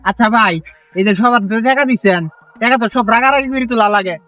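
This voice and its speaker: A man's voice: extremely high pitch, fast, bright, forceful tone, no echo, faint music behind. A man with a rural Bangladeshi Bengali dialect, playing the moneylender's hot-headed sidekick in a comedy skit.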